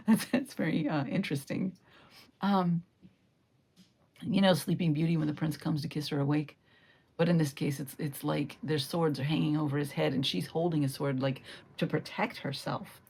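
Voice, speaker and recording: A woman giving a solo tarot reading, reflective and lingering over each card, sometimes slipping into a breathy whisper. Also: low-pitched. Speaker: tarot reader.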